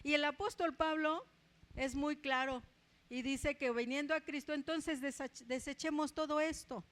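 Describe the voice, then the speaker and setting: A Mexican woman with a Mexican accent preaching a conversational sermon, often tagging her points with a quick aside and telling personal stories with humor. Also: high voice, steady tone, fairly bright tone. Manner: chatty, tags asides with ¿verdad?, tells personal stories with humor.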